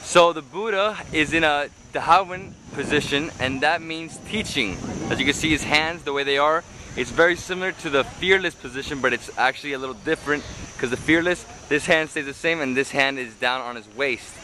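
A man's voice: on the high side, a little fast, few pauses, noisy background. A young man hosting a travel vlog, explaining sights enthusiastically while walking outdoors and through caves. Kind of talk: casual travel vlog narration. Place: outdoors at a temple site and inside caves.

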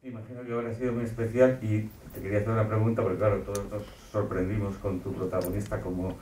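Deep-voiced interviewer in a roomy space. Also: male voice, level tone, quick pace, dark tone, a little hiss or hum. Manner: searching, hesitant questions. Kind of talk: conversational interview. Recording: roomy, distant mic with faint ambience.

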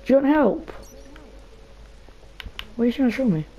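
A woman's voice: a little high, expressive, normal speed, dark tone, slight background noise. A young woman giving casual, chatty gameplay commentary, talking nervously to her viewers and to a character in the game. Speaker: gaming video host. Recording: dull lo-fi mic with faint game music.

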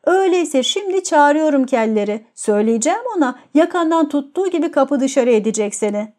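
A woman's voice: sits high, expressive, a little fast, a little mellow, pitched above the performer's own voice. A woman voicing a proud, mocking young woman. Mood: scornful. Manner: mocking, scornful.

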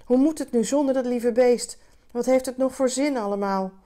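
A woman's voice: on the high side, normal speed, dark tone, pitched above the performer's own voice, close to an everyday voice. A woman voicing a talkative man in a bar who rambles, hesitant and heartfelt, as he grieves. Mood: grieving.

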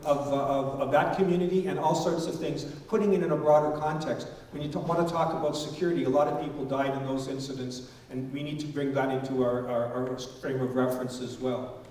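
A man's voice: mid-range voice, steady tone, fairly quick, a little mellow. A middle-aged man speaking earnestly and emphatically at a public forum, often restarting his sentences. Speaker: panelist at a public consultation. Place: large church hall. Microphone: stand mic, filmed by a far camera. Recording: echoey hall, voice picked up from far off, faint noise.

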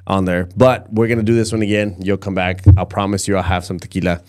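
Low-voiced man hosting a casual livestream. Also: flat delivery, fast, darkish tone. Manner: repeats words and phrases. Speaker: host of a livestream show. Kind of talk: casual livestream chat and sign-off. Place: acoustically padded studio, indoors. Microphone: close podcast microphone.

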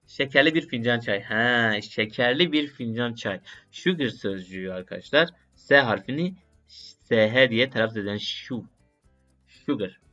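A man's voice: lowish voice, a bit bright. A man studying on camera, thinking aloud and repeating short phrases to himself in a casual vlog. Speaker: language learner vlogger. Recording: dull lo-fi sound with faint music.

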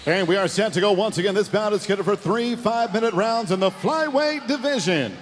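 A man's voice: sits high, lively intonation, fairly quick, in a large hall, slight background noise. A man announcing a fighter in the ring at a fight night. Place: arena.

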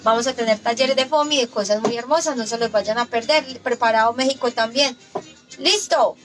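A woman's voice: fairly high pitch, a little fast, rough recording. A woman hosting a casual craft tutorial, upbeat and announcing workshops and dates. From Colombia. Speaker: craft shop host.

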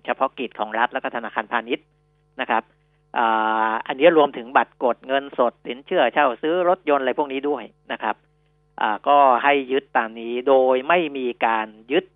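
Measured man explaining on finance radio. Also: mid-range voice, no echo. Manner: measured, explanatory, many fillers. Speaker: radio co-host. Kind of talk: casual finance talk radio. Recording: dry, phone-like narrow band.

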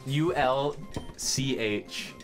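A young man trading teasing, quick comebacks while co-streaming a video game. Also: medium pitch, faint music behind. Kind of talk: casual let's play banter.

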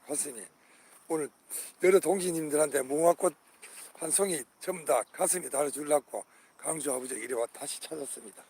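A man's voice: a little high, vocal fry, darkish tone, slight background noise. An older man walks through an outdoor flower garden, calling out the name of each flower in turn and urging his viewers on with hearty patriotic appeals. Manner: exclaims over each flower, repeating names. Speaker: channel host. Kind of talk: outdoor walking vlog.

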